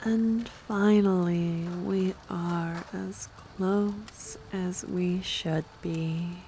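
A woman's voice: lowish voice, steady tone, dark tone, faint music behind. A woman voicing an ancient, seductive and possessive female vampire in an intimate, teasing ASMR role-play. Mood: hungry, seductive. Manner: slow, intimate, teasing, drawn-out delivery.

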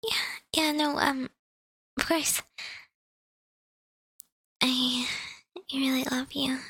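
A woman playing an affectionate girlfriend, talking softly and often in a whisper, hesitant and giggly with many fillers. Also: high-pitched, steady tone, takes it slowly, no room sound, exaggerated voice. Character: affectionate girlfriend welcoming partner home. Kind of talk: audio roleplay.

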